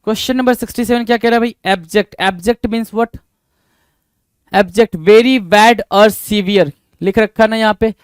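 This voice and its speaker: High-voiced male teacher drilling words. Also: steady tone, moderate pace, smooth, dry recording. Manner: rhetorical questions to students, repeats words. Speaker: vocabulary teacher. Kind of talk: exam-prep vocabulary lesson.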